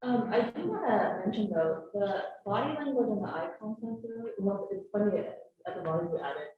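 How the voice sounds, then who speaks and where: A woman's voice: mid-range voice, animated, a little fast, recorded from a distance. Woman adding a comment in an echoey class. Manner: thoughtful, hesitant with fillers. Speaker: workshop participant. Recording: echoey room, thin phone-like sound, faint noise.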